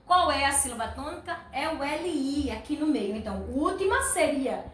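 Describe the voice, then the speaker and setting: A woman's voice: high voice, lively intonation, moderate pace. A woman teaching a children's class, patiently going through workbook answers, drawing words out and praising the pupils. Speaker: primary school teacher. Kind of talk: classroom lesson correcting workbook exercises. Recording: echoey room, mic at a distance.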